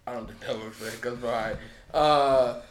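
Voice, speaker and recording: A man's voice: mid-range voice, fairly even intonation, fairly quick, echoey room, a little hiss or hum. A man co-hosting a casual chat, bantering loosely with plenty of swearing while he has the hiccups. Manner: profane, laid-back banter. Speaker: podcast co-host.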